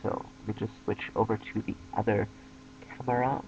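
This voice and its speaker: A young man casually telling a funny story to his camera as a vlogger, lively and given to squealing when excited. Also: fairly low pitch, normal speed. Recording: dull lo-fi webcam audio.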